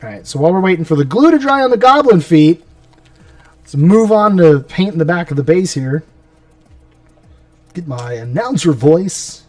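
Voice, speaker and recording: A fairly high-voiced man rambles through a casual live stream while he paints, talking half to himself and half to his viewers. He sits a little back from the mic in a dry room, with soft music playing behind him. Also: lively intonation, brisk, dry recording, far from the mic. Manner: rambling, talks to himself as he works.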